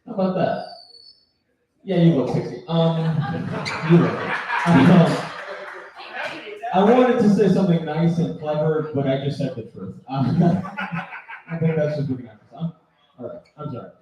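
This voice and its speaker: A man emcees an open mic night in a small bar, introducing acts and riffing with the crowd. His voice is mellow and fairly high for a man. It echoes around the hard room from a little way off the mic. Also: expressive, unhurried, pauses often, recorded from a distance. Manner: loose, joking, laughs between lines. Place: small bar with live audience.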